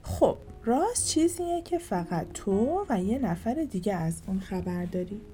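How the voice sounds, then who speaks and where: A woman voicing a patient father in a storybook, speaking low, slow and soothing. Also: animated, dark tone, soft background music, natural voice. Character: calm patient father explaining gently.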